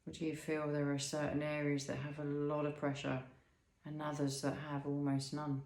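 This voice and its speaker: A Pilates instructor leads a guided body scan as relaxation instruction, his voice creaky, fairly high, and monotone in a roomy sound. He's soothing and unhurried, pausing often and asking gentle questions.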